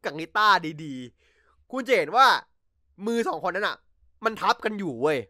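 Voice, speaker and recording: A man hosting a casual podcast over a voice chat call, recapping episodes with lots of excitement, slang and swearing. His pitch swings widely as he talks. The sound is dry and close, with no room echo. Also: normal speed. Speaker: podcast host. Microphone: computer mic over voice chat.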